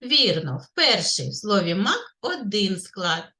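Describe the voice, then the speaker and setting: Slow, lively-voiced kindergarten teacher woman. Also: mid-range voice. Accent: Ukrainian. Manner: slow, clear, sing-song teacher talk, praising often. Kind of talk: literacy lesson for young children. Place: kindergarten classroom.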